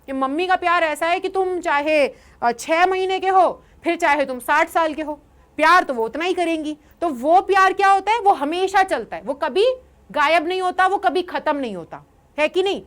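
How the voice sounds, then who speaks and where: Speaking at an extremely high pitch, a young Indian woman teaches English vocabulary in an energetic online class. Her explanations are in Hindi, while she reads English examples out slowly.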